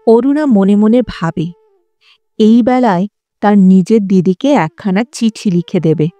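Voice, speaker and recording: Mellow woman narrating an audiobook. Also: medium pitch, dry recording. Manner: measured storytelling.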